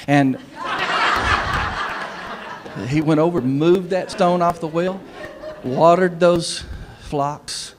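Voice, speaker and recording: A man's voice: a little high, very slow, pauses often, background noise. A middle-aged man, preaching a sermon in a folksy, humorous storytelling way. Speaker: pastor.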